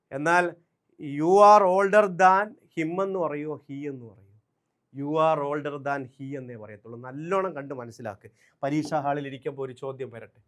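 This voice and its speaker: A man gives an exam-prep grammar lesson, drilling examples one after another. He speaks slowly in a fairly high voice and keeps stopping to quiz the listener. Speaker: English exam coaching teacher.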